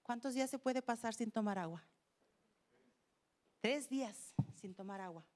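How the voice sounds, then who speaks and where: High-voiced woman preaching. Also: a little slow, a little mellow. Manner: conversational preaching, asks the congregation questions. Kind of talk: sermon. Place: church.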